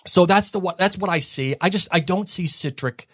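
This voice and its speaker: A man's voice: sits high, normal speed, pushed and bright, no room sound, studio quality. A man co-hosting a casual podcast chat, giving his opinions emphatically. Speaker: podcast co-host.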